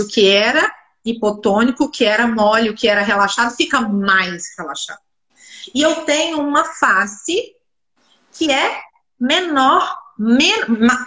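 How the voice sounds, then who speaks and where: A woman speech therapist with a high, sharp voice explains things in an interview, sounding congested from a cold. She poses rhetorical questions and answers them herself, and the room sound is roomy and echoey.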